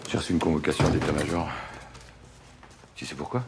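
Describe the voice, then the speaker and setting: An actor playing a seasoned, stubborn police investigator in a TV crime drama, terse and understated with a deep, gravelly voice. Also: male voice, steady tone, brisk, heavy background noise. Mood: probing. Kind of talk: naturalistic TV crime drama acting. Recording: TV soundtrack with music underneath.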